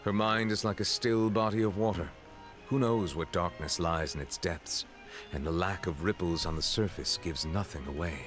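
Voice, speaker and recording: A deep, stately judge. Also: male voice, moderate pace, a bit bright, soft background music. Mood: grave. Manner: stately, formal, carefully worded. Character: formal, reserved male chief judge.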